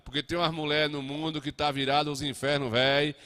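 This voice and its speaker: A man's voice: fairly high pitch, flat delivery, brisk, pushed and bright. A man hosting a live radio show, joking in a folksy, teasing way and calling friends compadre.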